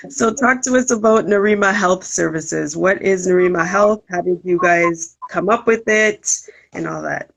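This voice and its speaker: A woman hosting an interview, giving relaxed, brief prompts. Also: fairly low pitch, normal speed, gravelly, rough recording. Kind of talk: casual interview talk.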